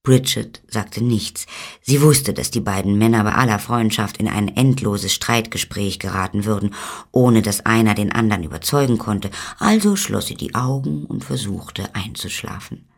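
Expressive man reading a storybook. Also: lowish voice, normal speed, gravelly. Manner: expressive, with varied delivery. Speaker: narrator.

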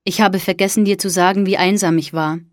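A woman reading the lines of an earnest, gentle young man in an audiobook, speaking softly and sincerely. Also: medium pitch, steady tone, a little fast, dry recording, studio quality, lightly acted. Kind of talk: audiobook dialogue.

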